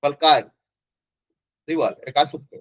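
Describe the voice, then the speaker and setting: A man's voice: on the high side, normal speed, no echo. A male physics tutor, teaching an online class in a casual way and quizzing students by name. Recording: dry, slightly dull lo-fi audio.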